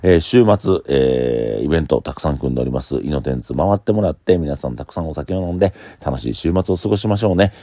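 A man's voice: extremely low pitch, lively intonation, fast, hardly any pauses, dark tone, no room sound, studio quality. A man with a Kansai accent, a standing bar owner, talking casually on his own in a blunt, opinionated way. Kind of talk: casual solo talk.

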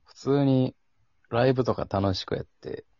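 Kansai man, casual talker, deep raspy fry, dry and slightly muffled sound. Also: moderate pace, warm tone, dry recording. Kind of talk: casual chat.

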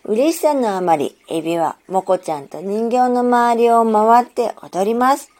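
A woman narrating a children's story in a gentle, measured storytelling manner. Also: a little high.

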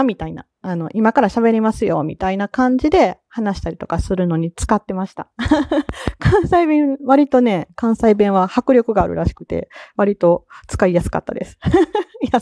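A woman with a Kansai accent chatting casually on her own podcast, laughing often and filling pauses as she goes. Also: medium pitch, warm tone, no room sound, studio quality. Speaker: solo podcast talker. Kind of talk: casual solo chat.

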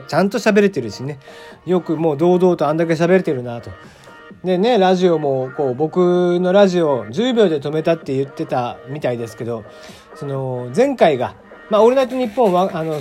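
A man in his forties from Kagoshima, Japan hosts his own podcast, rambling through a casual, radio-style solo monologue full of fillers and little chuckles. His voice sits a little high with a darkish tone.

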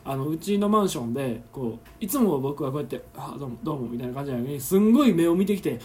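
A man's voice: a little high, expressive, rapid-fire, mellow. A man with a Kansai accent hosting a casual solo radio chat, reading listener letters and acting out awkward moments with lots of laughter. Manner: chatty, laughing often, acts out awkward moments. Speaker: podcast host. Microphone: phone, streaming live while recording.

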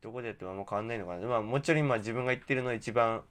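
A man's voice: medium pitch, racing, fairly bright tone. A man hosting a casual solo radio talk, rambling and correcting himself, with slightly slurred articulation from wearing a mouthguard. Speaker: podcast host.

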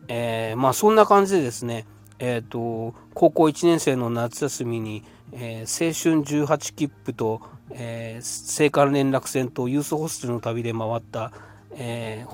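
A man in his fifties hosts a solo podcast and spins a personal anecdote at an unhurried pace. His delivery is loose and chatty, full of little fillers and restarts. His voice sits at an ordinary middle pitch, with faint music behind it. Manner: relaxed and rambling, with frequent fillers. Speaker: podcast host. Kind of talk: casual storytelling monologue.

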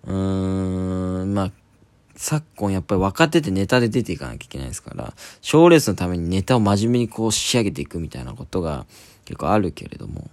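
A man's voice: low-pitched, lively intonation, fairly quick, darkish tone, dry recording. A young man, a comedian hosting a solo talk podcast, chatting casually and rambling with many fillers.

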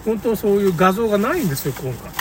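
A man with a slightly high voice talks in a loose, conversational monologue, opinionated and rambling. His intonation rises and falls widely. He sounds some way from the microphone, with clear vehicle and street noise around him. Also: sing-song, fast talker. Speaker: commentator recounting a local flood. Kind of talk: casual unscripted monologue. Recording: noisy, distant mic, car and outdoor ambience.

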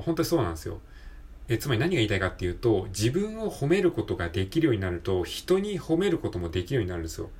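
A man from Japan with a lowish, a little mellow, husky voice hosts a solo podcast. He keeps it casual and encouraging as a motivational talk, speaking conversationally and often looking for the listener's agreement.

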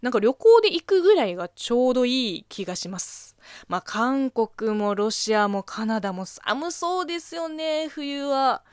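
A woman's voice: fairly high pitch, sing-song, moderate pace, clear, resonant tone, dry recording, clean studio sound. A woman from southern China, a native Chinese speaker with a Chinese accent, hosting a casual radio show where she reads listener letters and answers them offhand. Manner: chatty, reads letters then comments offhand.

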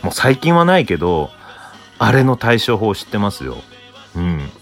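A young man from Hokkaido talks alone on his podcast in a loose, rambling way, often answering himself with a soft murmur. His voice sits low but jumps around in lively swings of pitch. Faint music plays under him. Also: normal speed. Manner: rambling, self-answering with frequent soft "un" fillers. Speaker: podcast host. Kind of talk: solo casual talk.

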